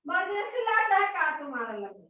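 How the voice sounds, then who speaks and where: A woman's voice: very high-pitched, very animated, a little fast, sharp tone. A woman talking casually about household matters. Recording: distant echoey lo-fi sound.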